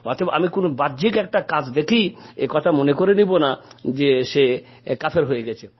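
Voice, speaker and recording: A man's voice: a little high, animated, fairly quick, husky, highs cut off. A man answering a religious question as a scholar, explaining carefully and growing emphatic as he retells a story. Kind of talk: religious Q&A lecture.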